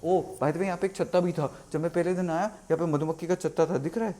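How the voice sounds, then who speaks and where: A young man talking casually in a vlog, animated, mixing Hindi and English and acting out quotes. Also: fairly high pitch, fast. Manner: animated, mixes Hindi and English, exaggerated quoting. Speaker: vlogger.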